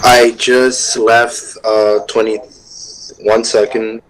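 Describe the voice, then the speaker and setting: A man's voice: mid-range voice, flat delivery, slow pace. A man giving brief improvised radio replies as a train operator in a role-play. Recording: noisy radio-chat mic with hum.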